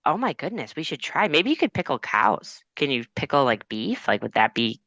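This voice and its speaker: A woman's voice: rumbling low, sing-song, moderate pace, fairly bright tone, no echo, muffled recording, full character voice. A woman improvising an earnest, slightly fumbling host of a gardening podcast. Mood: earnest curious.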